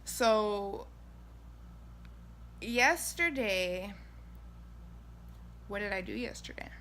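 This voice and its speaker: Woman, bright voice, casual vlog chat, rambling informal delivery, background noise. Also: medium pitch, animated, drawn-out words. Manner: informal, rambling, self-questioning. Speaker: vlogger.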